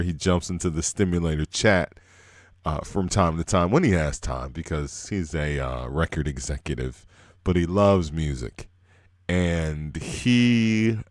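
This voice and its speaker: A man's voice: extremely low pitch, dry recording, clean studio sound. A man hosting a casual music livestream, rambling with many fillers and chuckling as he talks. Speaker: host.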